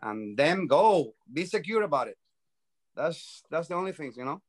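A man in his forties whose first language is Spanish, chatting excitedly in broken English and swearing freely. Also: fairly high pitch, normal speed. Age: 40s. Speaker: paramotor pilot. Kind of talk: casual chat.

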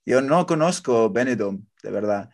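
A man's voice: medium pitch, animated, normal speed, a little mellow. A man interviewing casually, curious and asking lots of short follow-up questions. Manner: curious, asks many short questions, encouraging fillers.

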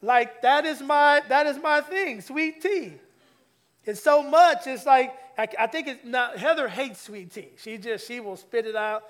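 In a church sanctuary, a pastor delivers a lively, conversational sermon, teasing the congregation and calling for their replies. His voice is extremely high and unhurried.

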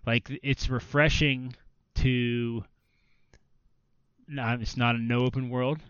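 A man chatting casually on a podcast, rambling and filling his sentences with "like". His voice is smooth and clean, recorded dry and a little dull. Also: mid-range voice, flat delivery, slow pace, fairly bright tone, no echo. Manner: rambling, filler-heavy, restarts often. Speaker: podcast co-host. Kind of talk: casual chat about video games.

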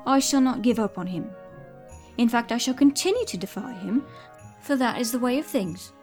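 A woman's voice: fairly high pitch, animated, moderate pace, darkish tone, natural voice. Cheerful, stubborn young niece voiced by a woman, jolly yet solemn, faint music bed. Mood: determined. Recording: background music.

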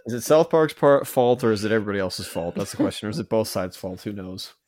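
A man's voice: lowish voice, animated, fast talker, a little mellow. Playful man commentating a film. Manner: playful, teasing asides. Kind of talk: casual film commentary chat.

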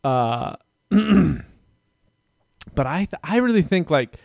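A man's voice: on the high side, big pitch swings, drawn-out words, vocal fry, a little mellow, dry recording, studio quality. A man hosting a podcast, chatting casually and rambling with lots of fillers and restarts. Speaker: podcast host. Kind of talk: casual chat.

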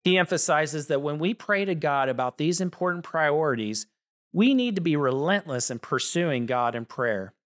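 A man's voice: on the high side, expressive, normal speed, fairly bright tone. Earnest man teaching on prayer. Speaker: podcast host and preacher. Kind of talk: scripted Bible teaching podcast.

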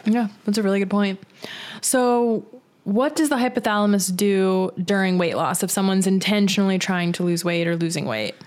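Smooth-voiced woman posing questions. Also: medium pitch, normal speed, darkish tone. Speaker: podcast co-host asking questions.

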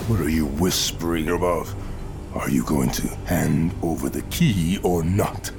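An actor playing a menacing, gloating cartoon villain, theatrical and commanding, with music behind him. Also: male voice, extremely low pitch, unhurried, creaky, exaggerated voice. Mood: angry, commanding. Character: gloating, menacing villain who grows huge, Nebulos. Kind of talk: animated cartoon villain acting.

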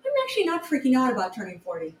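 A woman in her late thirties co-hosting a podcast, chatting casually in an easygoing, earnest way with quick reactions. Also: sits high, wildly swooping pitch. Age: 30s. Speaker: podcast co-host. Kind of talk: casual chat. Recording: roomy echo, faint ambient noise.

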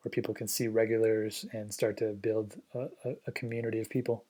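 Chill guy co-hosting a podcast interview, thoughtful, trails off quiet. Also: on the low side, little pitch movement, brisk. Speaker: podcast co-host. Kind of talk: conversational interview.

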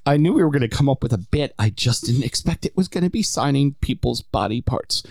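A man's voice: mid-range voice, animated, fairly quick, gravelly, a little mellow, no room sound, studio quality. A man hosting a casual sports podcast, with joking, rambling, self-deprecating banter. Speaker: podcast host.

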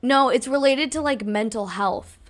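A woman's voice: fairly high pitch, moderate pace, crowd noise. Woman podcast host reading headlines, chatty and loose, says like a lot. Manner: chatty, reads out headlines with filler "like". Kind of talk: casual chat reading news items.

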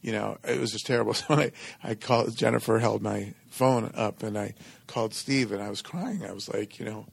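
Middle-aged man with a gravelly, creaky voice. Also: on the low side, no echo. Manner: halting, informal, frequent "you know". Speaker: interview guest, company executive. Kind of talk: reflective personal storytelling in conversation.

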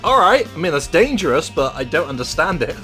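A man's voice: fairly high pitch, a little fast, soft background music. A man co-hosting a podcast, joking playfully in a casual chat. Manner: lively, playful, jokey asides. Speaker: podcast co-host. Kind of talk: casual chat about games.

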